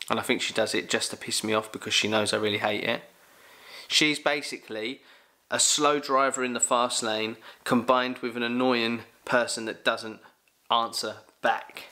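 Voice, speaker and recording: A young man with a London accent, casually answering Q&A questions in a jokey, animated way. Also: mid-range voice. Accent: London English. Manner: animated, jokey, exclaims loudly. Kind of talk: casual Q&A chat.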